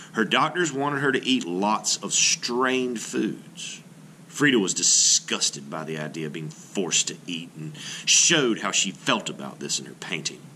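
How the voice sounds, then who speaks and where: Reading a children's nonfiction book aloud, a middle-aged man sounds like an art teacher addressing young pupils. His fairly low, bright voice rises and falls in a very animated way, measured and expressive through each sentence. The low-quality recording has light background noise.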